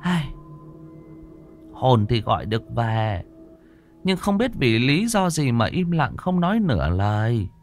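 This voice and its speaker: A man voicing a stern female spirit medium who speaks in solemn, measured pronouncements. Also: high-pitched, expressive, a bit bright, soft background music, pitched above the performer's own voice.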